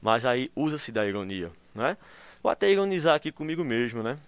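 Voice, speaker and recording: A male teacher giving a recorded school lesson. He explains patiently, checks in constantly with tag questions, and acts out example phrases in a lively way. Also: mid-range voice, fairly quick, smooth, dry recording.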